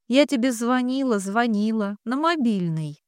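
A woman's voice: on the high side, animated, a little slow, darkish tone, smooth, no room sound, clean studio sound. A woman reading the part of an emotional young village bride who goes from pleading to tearful scolding. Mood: chatty. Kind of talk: audiobook character reading.

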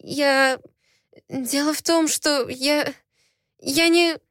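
A woman's voice: expressive, normal speed, a bit bright, no room sound, clean studio sound. A woman doing a flustered young female mechanic. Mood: panicked. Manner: high, flustered, indignant.

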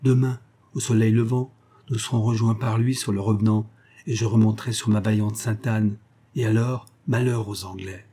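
A bold young privateer officer in an adventure storybook, acted by a man. His voice is dark and a touch husky, and he speaks with earnest resolve. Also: on the low side, steady tone, moderate pace, lightly acted. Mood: resolute.

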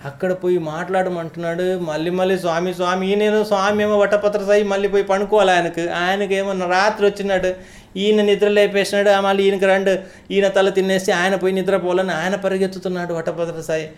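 A storyteller retelling a devotional legend in a conversational, lively way. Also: mid-range voice, fairly quick.

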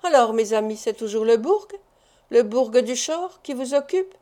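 A woman's voice: on the high side, fairly even intonation, moderate pace, a little mellow, natural voice. A woman voicing a boastful, mocking male village doctor who turns flustered, in a storybook reading. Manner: jeering, then flustered and pleading.

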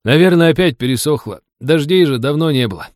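A man voicing a gruff, weary adult male forest ranger who talks in a stern, grumbling, matter-of-fact way. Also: fairly high pitch, expressive, fairly quick, a little mellow, dry recording, studio quality, voice pushed up, close to an everyday voice.

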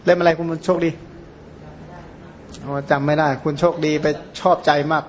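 Chatty Thai monk, higher voice. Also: male voice, flat delivery, moderate pace. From Surin, Thailand. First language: Khmer. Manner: chatty, rambling, self-correcting with fillers. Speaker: Buddhist monk teacher. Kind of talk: Dhamma talk, informal teaching.

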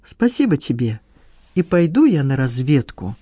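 A narrator voicing a sensible, wary middle-aged married woman who answers in brisk, dry replies. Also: medium pitch, big pitch swings, dark tone, slightly rough, no room sound.

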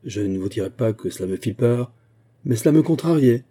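A man reading a powerful old musketeer in an audiobook who has turned gloomy and superstitious. He speaks earnestly and heavily, a little above a dark, husky narrating voice. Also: medium pitch, expressive, a little fast, close to an everyday voice. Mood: brooding. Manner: brooding, earnest telling of family omens. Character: Porthos, strong aging musketeer, gloomy and superstitious.

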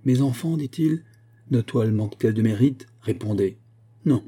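A man reading aloud, voicing an excited young male painter who speaks in an emphatic, insistent way. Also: medium pitch, moderate pace, breathy edge, lightly acted. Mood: persuasive.

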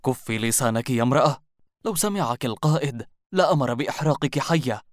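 A man voicing a harsh, quick-tempered male guard captain who barks threats in a storybook reading. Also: mid-range voice, lively intonation, no echo, studio quality, natural voice. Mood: angry. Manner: loud, barking threats.

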